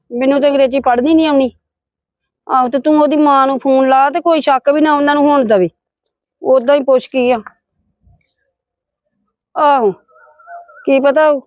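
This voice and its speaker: A woman's voice: sits high, a little mellow, no echo. Older Punjabi woman, worried, rambling, bone-dry close sound. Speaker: actor in a family drama. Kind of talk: village family drama acting.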